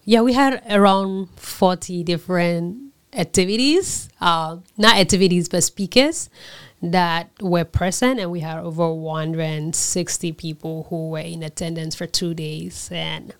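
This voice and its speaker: A young adult woman from Liberia answering interview questions in a thoughtful way, pausing often and correcting herself as she goes. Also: on the low side, clear, resonant tone. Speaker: interview guest, conference organizer.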